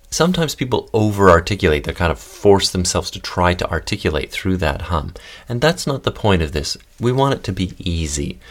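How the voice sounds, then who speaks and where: A man with a very low, deep voice leads a podcast voice lesson. He talks in a calm, guiding way and walks listeners through each exercise step by step. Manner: calm, guiding instructions with demonstrations. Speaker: voice and text coach.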